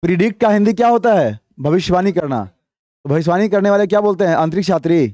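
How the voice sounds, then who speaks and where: A man teaches grammar in a high, mellow voice, reading sentences out slowly and then pressing his students for answers. The sound is dry and close, with no room around it. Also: expressive, no room sound, muffled recording. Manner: coaxing, quizzing students with repeated questions; reads English sentences slowly, then explains briskly. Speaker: English teacher. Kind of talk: classroom grammar lesson.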